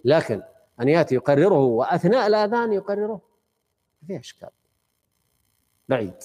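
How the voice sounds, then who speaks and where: A man's voice: medium pitch, mellow. A man teaching a study circle, explaining a classical text conversationally and quizzing his students.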